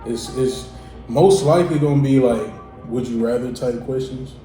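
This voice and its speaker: A man's voice: medium pitch, moderate pace. A young man hosting a food challenge vlog, joking and laughing often as he teases his guest. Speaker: vlog host. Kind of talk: casual mukbang chat. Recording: echoey room, distant mic, music behind.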